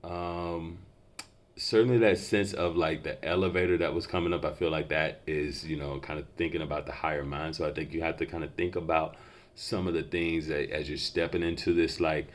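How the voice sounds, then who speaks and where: A man's voice: rumbling low, level tone, brisk. A man giving an unscripted intuitive reading as a psychic, feeling out impressions tentatively, piece by piece, like a mentalist. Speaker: psychic reader giving channeled messages.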